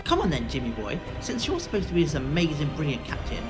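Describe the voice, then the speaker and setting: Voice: medium pitch, huge pitch swings, fast, over loud music. An actor playing a cheeky, slangy young hero in an amateur audio pantomime.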